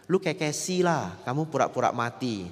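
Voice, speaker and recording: A man's voice: mid-range voice, expressive, moderate pace, natural voice. A man voicing a scheming middle-aged wife of a paper seller, with brash, colloquial talk and dialect words, in a hall with long reverb.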